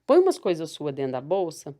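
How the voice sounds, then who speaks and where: Soft-spoken woman telling a personal story. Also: low-pitched, wildly swooping pitch, a little fast. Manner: soft, reflective storytelling with frequent restarts. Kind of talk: casual chat.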